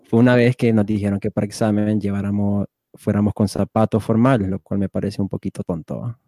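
Young guy telling a story on a podcast, low mellow voice, dry close sound. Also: level tone, brisk, dry recording. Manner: storytelling, laughs while talking. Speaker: podcast co-host. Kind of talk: casual chat.

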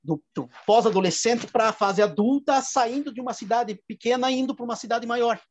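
A man with a Rio Grande do Sul accent speaks in a very high, brisk voice on a muffled recording. He's a filmmaker guest in a casual interview, telling rambling anecdotes full of restarts and laughter.

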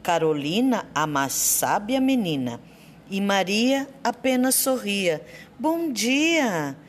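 A woman's voice: mid-range voice, slight background noise. A woman, a school library assistant, reading children's poems aloud in a storytelling way. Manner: slow, lively storytelling reading.

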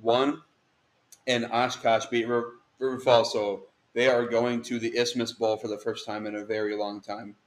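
A man's voice: mid-range voice, little pitch movement, moderate pace, echoey room. A young man hosting a casual podcast chat with friends late at night, teasing and laid-back, with the hiccups. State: has the hiccups. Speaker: podcast host.

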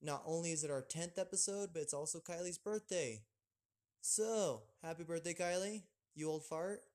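A man co-hosting a casual podcast, relaxed and chatty, laughing often and restarting his sentences. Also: fairly high pitch, normal speed. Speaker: podcast co-host. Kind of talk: casual chat.

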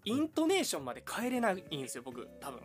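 Man, Kansai accent, casual chat, teasing, lively pitch, quick. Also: soft background music. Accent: Kansai Japanese. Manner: animated, laughs often, teasing. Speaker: podcast co-host.

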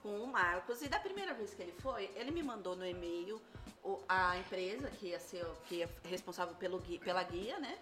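Lively storytelling woman over music. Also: mid-range voice, a little fast. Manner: animated, laughs often, acts out what others said. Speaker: storyteller in a group conversation. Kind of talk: casual storytelling chat. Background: background music.

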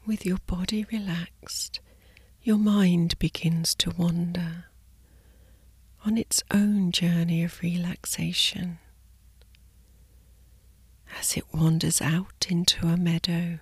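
A woman guiding a sleep meditation in a soft, soothing spa-like whisper, gently and in short, unhurried phrases. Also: on the low side, flat delivery, husky, no room sound. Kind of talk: guided sleep meditation narration.

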